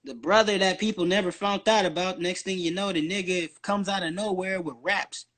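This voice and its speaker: A man's voice: sits high, fairly even intonation, moderate pace, fairly bright tone. A man in his early twenties rambling nonstop on a casual livestream, slangy and full of swearing. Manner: profane, slangy. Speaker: guest on a social media live stream.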